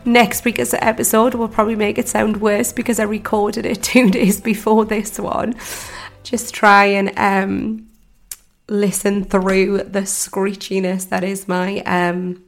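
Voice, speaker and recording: Faint music plays behind a British mindset coach hosting her solo podcast in a hoarse, croaky voice from laryngitis. Her mid-pitched, level speech carries a gravelly roughness, and she chats warmly and casually with many ums and restarts.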